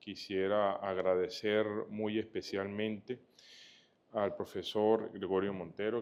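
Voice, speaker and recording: Venezuelan guy lecturing, kinda low voice, lots of eh pauses, dull lo-fi audio. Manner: courteous, with frequent "eh" hesitations. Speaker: guest lecturer. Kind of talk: formal lecture. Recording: dull lo-fi sound.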